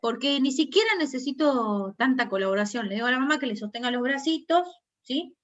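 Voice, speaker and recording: A woman's voice: high-pitched, lively intonation, a little fast, dull audio. A woman with a Rioplatense Spanish accent teaching a nursing class, explaining step by step and often checking that students follow. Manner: explanatory, checks understanding with frequent tag questions. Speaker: nursing instructor. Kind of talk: online class lecture.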